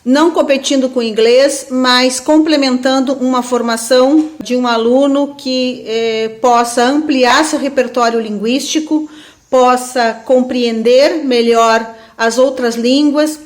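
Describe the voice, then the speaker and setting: Her voice is high-pitched with fairly even intonation and a measured pace. Speaking in a southern Brazilian accent, this professor muses through a casual academic webinar, often checking in with listeners via tag questions to win their agreement.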